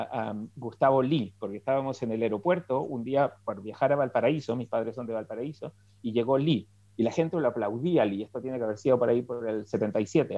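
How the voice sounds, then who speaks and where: A middle-aged Chilean political scientist joins an interview as a guest over video call, recounting his life in a mellow, medium-pitched voice. His reflective storytelling is full of ums and restarts. The headset audio sounds muffled and dry, with no echo.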